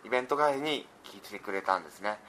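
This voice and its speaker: A man hosting a relaxed radio talk show, reading listener messages aloud and laughing often. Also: lowish voice, fast talker, a little hiss or hum. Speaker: radio personality. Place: radio studio.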